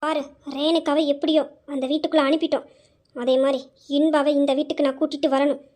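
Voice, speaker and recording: A woman's voice: high-pitched, flat delivery, quick pace, a little mellow, lightly acted. A woman voicing a scheming middle-aged mother who coaxes her son in an amateur audio drama. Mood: coaxing. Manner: coaxing, conspiratorial.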